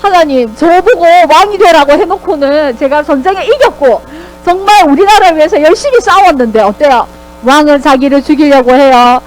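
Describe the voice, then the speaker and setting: A woman's voice: high-pitched, normal speed, close to an everyday voice, low-quality recording. A woman voicing a desperate young male warrior who complains to God in a children's sermon. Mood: pleading. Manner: pleading, complaining.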